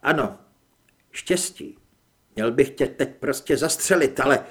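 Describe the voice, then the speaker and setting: A man voicing a gaunt, unhinged male shapeshifter who shouts and snarls threats. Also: medium pitch, lightly acted. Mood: bitter.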